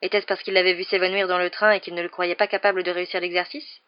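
A woman reading a novel aloud in steady, clear storytelling, on a muffled lo-fi recording. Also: on the low side, fast. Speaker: audiobook reader.

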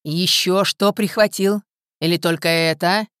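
A woman voicing a calm, stern male village hunter in an audiobook, speaking in a gruff, level, commanding way. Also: lowish voice, moderate pace, dry recording, studio quality, natural voice.

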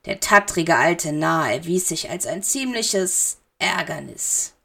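A cold, cruelly amused male dark lord speaks in a hushed, silky drawl, as a woman reader puts him on. The voice carries a gravelly edge. It is a storybook villain. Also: on the low side, animated, takes it slowly, full character voice. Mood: silky menace.

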